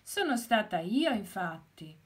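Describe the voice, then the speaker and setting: A woman doing a gentle mother turtle. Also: medium pitch, very animated, distant mic. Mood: kind. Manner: slow, kind.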